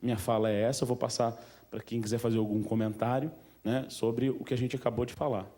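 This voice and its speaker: A man's voice: mid-range voice, flat delivery, quick pace, warm tone. Chatty Brazilian man addressing an audience. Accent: Brazilian Portuguese. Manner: chatty, asks the audience questions, many fillers. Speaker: speaker at a museum event. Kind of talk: informal talk to an audience.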